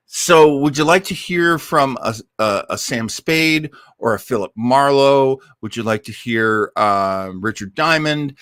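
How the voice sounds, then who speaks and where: An American man hosts a laid-back old-time radio listening livestream, chatting with listeners in a rambling, enthusiastic way and gushing about his favourites. His voice is mid-range and a bit bright. The sound is clean studio audio with no room sound.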